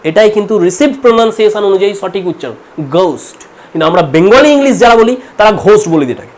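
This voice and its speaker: Fast-talking teacher from India. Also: male voice, high-pitched, expressive. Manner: explanatory, repeats words slowly to model sounds. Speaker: English teacher. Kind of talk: online pronunciation lesson.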